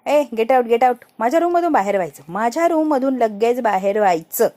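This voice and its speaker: A woman voicing a drunk, childish young woman who shouts, slurs and repeats herself. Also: a little high, expressive, a little slow, no room sound. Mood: drunk shouting. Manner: slurring, shouting, repetitive.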